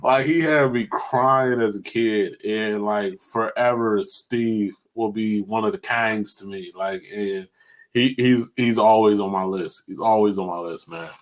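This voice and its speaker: A young man hosting a podcast in casual chat, animated and laughing as he retells jokes. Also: on the low side, measured pace. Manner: animated storytelling, laughs a lot, sings bits of jokes. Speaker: podcast host.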